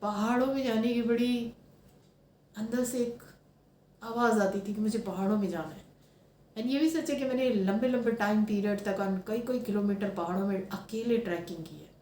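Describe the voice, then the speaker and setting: A woman's voice: mid-range voice, normal speed, warm tone, slight background noise. Reflective woman in an echoey room. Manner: earnest, mixes English phrases into speech. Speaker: spiritual speaker. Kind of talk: reflective personal talk.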